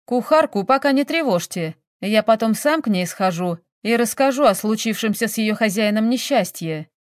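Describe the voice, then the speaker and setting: A woman's voice: on the high side, expressive, normal speed, no room sound, studio quality, lightly acted. A woman reading a story, voicing a brusque, hot-tempered male police investigator who barks orders and questions. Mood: businesslike. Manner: barking, then coaxing.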